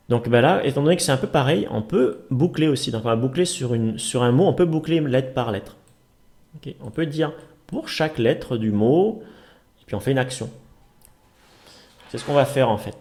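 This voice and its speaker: A man's voice: mid-range voice, a little mellow. A man teaching a programming exercise, thinking aloud with many fillers and restarts.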